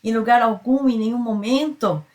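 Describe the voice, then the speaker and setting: A woman's voice: on the high side, moderate pace, a little mellow. A middle-aged Brazilian woman, a psychologist, giving an earnest spiritual self-help talk and often checking in with her listener. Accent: Brazilian Portuguese. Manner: earnest, repetitive, tags sentences with a questioning aside.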